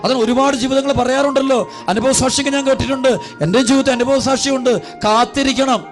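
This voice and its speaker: Priest, Kerala Malayalam accent, high voice, rapid repetitive sermon delivery over faint music. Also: male voice, steady tone. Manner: repetitive, pleading cadence, drops low and soft for prayers; addresses listeners as children. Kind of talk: devotional sermon with prayer.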